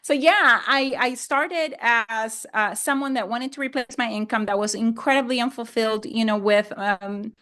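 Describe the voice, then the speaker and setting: Her voice is fairly high and sharp, moving at a moderate pace with hardly any pauses. She is a middle-aged native Spanish speaker from Honduras, a land investor chatting as a podcast interview guest who often repeats and rephrases what she says.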